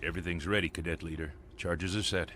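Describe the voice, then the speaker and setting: A man's voice: fairly even intonation, fast. A man playing a blunt, cocky veteran sergeant major who talks in folksy soldier slang, in an audio drama. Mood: businesslike. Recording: loud rumbling vehicle noise behind.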